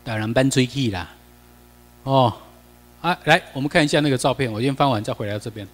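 A man's voice: mid-range voice, a little fast. Taiwanese-accented man lecturing in a reverberant hall. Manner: chatty, mixes in Taiwanese Hokkien, asks the class questions. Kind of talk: classroom lecture over slides.

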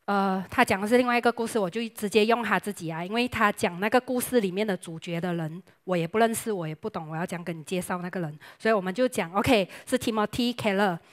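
A young woman preaching a lively sermon with jokes, chatty and playful, dropping English words into her talk. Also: medium pitch, fast talker, hardly any pauses.

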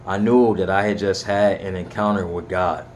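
A man's voice: low voice, fairly even intonation, moderate pace, a little mellow, slight background noise. A young man earnestly telling his personal faith story in a heartfelt, rambling way, his voice cracking at times. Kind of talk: personal testimony vlog.

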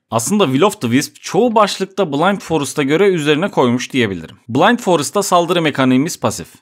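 A man with a Turkish accent narrates a video game review from a script. His delivery stays casual, with slangy asides breaking into the prepared text. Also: medium pitch. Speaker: gaming video host.

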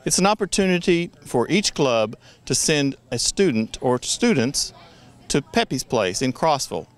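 Speaking at a medium pitch with a sing-song quality, a man in his sixties who serves as district governor addresses club members out in the woods. His prepared talk is earnest and measured with small restarts, delivered into a handheld mic held close to his chin.

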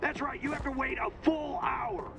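A man's voice: very high voice, flat delivery, normal speed, gravelly. A man voicing a mocking, sadistic male drill instructor in a video game, sneering and barking orders. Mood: taunting. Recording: game audio under music.

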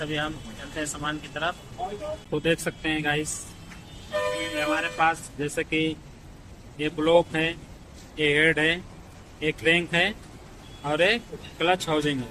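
A young male mechanic with a fairly high, bright, forceful voice talks through engine parts one by one in a casual how-to vlog. He keeps addressing his viewers as "guys" and speaks into a phone held close, outdoors in front of a shop with faint street noise behind him. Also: low-quality recording. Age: young adult. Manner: explains step by step, often saying "guys" and "jaise ki". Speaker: motorcycle mechanic.

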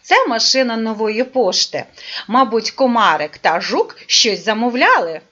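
A woman teaching a speech therapy lesson to young children, talking in a drawn-out, sing-song way. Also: on the high side, lively intonation, pushed and bright. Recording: dull lo-fi recording.

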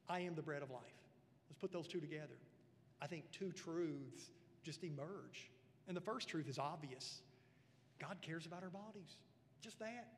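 Pastor guy preaching, pretty high voice, earnest, repeats himself, big echoey church. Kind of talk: sermon. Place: church sanctuary. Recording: long church hall reverb.

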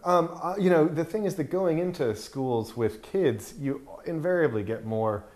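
A man's voice: on the high side, normal speed, darkish tone. A man, an author, telling wry anecdotes on stage in a panel conversation, with many fillers. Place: stage before a live audience.

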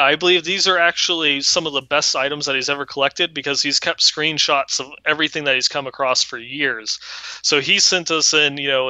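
Bright-voiced man explaining game gear. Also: fairly high pitch, dry recording. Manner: explains game details at length, many restarts. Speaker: podcast co-host. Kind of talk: casual gaming chat.

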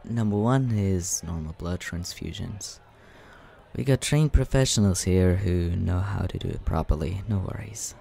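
Man playing Scaramouche, a deep, creaky, suave vampire. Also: a little hiss or hum, heavily acted. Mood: relaxed, explanatory. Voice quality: low, creaky, soft. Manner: unhurried, smooth-mannered, teasing. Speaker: ASMR roleplay performer. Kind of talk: soft ASMR roleplay, addressing the listener.

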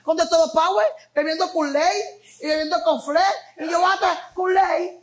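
Dominican lady w/ dominican accent, lively guest storytelling, high voice. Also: moderate pace, poor audio. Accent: Dominican Spanish. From Dominican Republic. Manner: laughing, expressive, acts out quotes. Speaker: interview guest. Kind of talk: animated storytelling chat.

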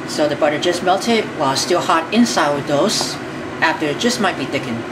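A woman's voice: low voice, expressive, normal speed. A woman hosting a home cooking demonstration, talking step by step through each ingredient in a chatty, repetitive way. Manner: step-by-step, chatty, repeats phrases. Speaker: cooking show host. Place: home kitchen. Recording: distant mic, loud room noise.

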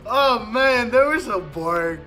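A nervous, self-conscious man chatting through a gaming vlog. His bright voice swings widely in pitch, and he speaks slowly with plenty of hesitant giggles over faint background music. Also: animated. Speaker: YouTuber. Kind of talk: casual gaming vlog commentary.

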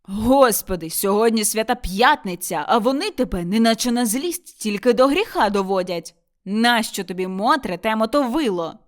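A gruff, hungry and angry old peasant father from an audiobook, as a woman narrator voices him. He shouts commands in a lively voice. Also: a little high, normal speed, natural voice. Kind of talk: audiobook character voice.

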